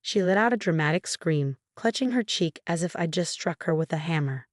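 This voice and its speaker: A woman narrating a first-person story in a steady, even storytelling manner. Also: lowish voice, a little fast, dry recording, clean studio sound.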